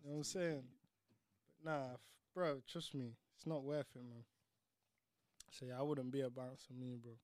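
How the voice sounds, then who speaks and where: A young man with a London accent, swapping stories casually with friends in animated, laddish slang peppered with bro, fam and swearing. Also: medium pitch, normal speed, pauses often. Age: young adult. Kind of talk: casual banter and storytelling among friends.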